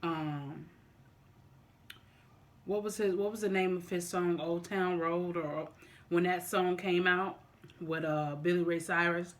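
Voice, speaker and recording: A vlogger talking casually and deliberately to viewers, often repeating and rephrasing in a halting way. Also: medium pitch, steady tone, fairly bright tone. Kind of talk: casual opinion talk to viewers during a mukbang.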